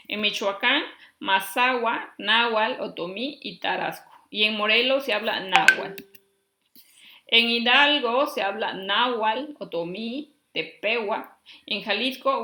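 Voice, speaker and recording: A woman from Chiapas, Mexico, teaching a class and reading out long lists slowly, checking in with her students as she goes. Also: fairly high pitch, bright, forceful tone. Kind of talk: classroom lesson. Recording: echoey room.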